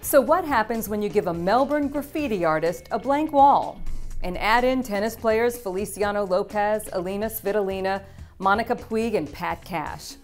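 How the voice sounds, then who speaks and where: A woman narrates a sports news roundup in a polished, upbeat scripted read. Her voice sits at a middle pitch and she drops in the odd light quip. Soft music runs quietly behind her. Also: normal speed. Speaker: news presenter.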